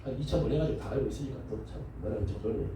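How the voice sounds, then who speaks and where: A man pastor teaching a Bible class, telling the story in a lively way, joking and acting out the people in it. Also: mid-range voice, rapid-fire, a little hiss or hum. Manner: lively storytelling, jokes, acts out quotes. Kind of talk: Bible lecture. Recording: very echoey room, mic far off.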